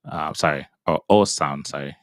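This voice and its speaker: A man's voice: very deep voice, moderate pace, no room sound, studio quality. A man teaching Hebrew reading in a patient, step-by-step pronunciation lesson, sounding out syllables and repeating them.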